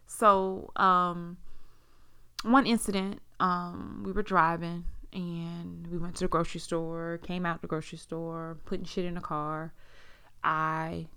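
A woman's voice: on the low side, little pitch movement, slow pace, bright, forceful tone, clear, resonant tone. A woman telling a personal story in a casual, blunt way, swearing heavily and acting out what people said. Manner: blunt, heavy swearing, frequent fillers; acts out dialogue in raised voices. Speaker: storyteller sharing a personal experience.

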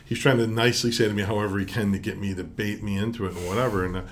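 A middle-aged man, a small business owner, telling stories in an animated, emphatic way as a guest. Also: lowish voice, rapid-fire, a little hiss or hum. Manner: animated, emphatic retelling with quoted dialogue. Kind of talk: conversational storytelling.

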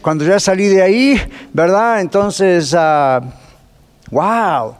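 A man teaching a Bible class as pastor, lively and conversational, putting rhetorical questions to his listeners. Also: high voice, unhurried, clear, resonant tone. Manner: lively, asks the class rhetorical questions, drops in English phrases. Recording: long reverb of a church hall.

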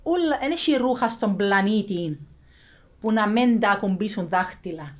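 A woman's voice: medium pitch, animated. A woman with a Cypriot Greek accent talking casually as an interview guest, emphatic and repeating phrases for stress. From Cyprus. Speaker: interview guest, clothing factory owner.

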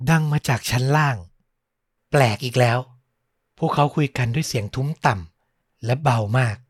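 A man telling a horror story on a podcast in a measured voice that sinks low and hushed at the tense parts. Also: husky, dry recording, studio quality. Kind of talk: scripted horror narration.

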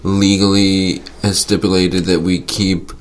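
A man's voice: low voice, flat delivery, measured pace. A male comedian in casual podcast banter, talking in a playful, rambling, goofy way.

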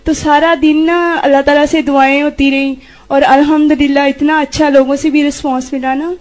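A woman's voice: high voice, level tone. A woman student telling her class a personal story in a chatty, rambling way. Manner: chatty, tag-filled storytelling.

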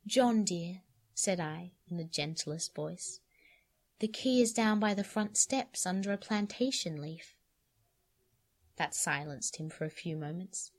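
A woman podcast host giving an expressive dramatic reading of a story, dropping to hushed lines and rising to sharp cries, then chatting casually about it. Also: fairly low pitch, a little slow.

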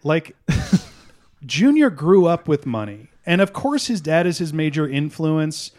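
A man's voice: fairly high pitch, sing-song, slow pace, a little mellow. A man co-hosting a podcast in casual chat, swearing freely and telling rambling stories. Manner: profane, rambling storyteller. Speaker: podcast co-host.

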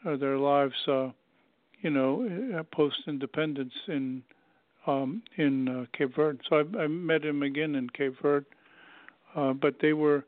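Older male professor guest, fairly high voice, dry tinny call line, rambling with many fillers. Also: level tone, measured pace, dry recording. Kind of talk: conversational interview. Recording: tinny phone-like call audio.

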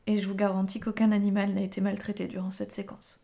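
A woman's voice-over comments, sped up into a chipmunk voice, dropped in as quick deadpan asides. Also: medium pitch, vocal fry.

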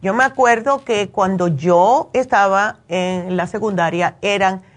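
Her voice sits at a medium pitch and moves at a measured pace. This Cuban-born radio call-in host, raised in the US, gives chatty advice mixed with stories from her own life, frequently tacking on tag questions to check that listeners agree.

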